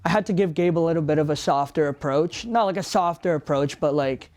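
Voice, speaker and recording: A man's voice: on the high side, a little fast. A young man from Ontario, talking about his housemates in a documentary interview, in a loose way with many fillers. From Ontario, Canada. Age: young adult. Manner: relaxed, talks with many fillers.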